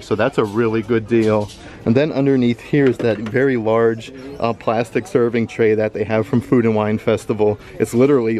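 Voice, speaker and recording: A man vlogging a casual walkthrough of a large store, upbeat and reading out prices as he browses. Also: mid-range voice. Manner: upbeat, reads out prices, excited about bargains. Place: large indoor retail store. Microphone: handheld camera, filming himself from behind it.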